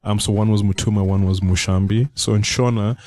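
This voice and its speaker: A man's voice: fairly low pitch, fairly even intonation, brisk, darkish tone. A man from Zimbabwe, a guest tech entrepreneur, talking in an easygoing, agreeable way. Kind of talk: casual interview chat.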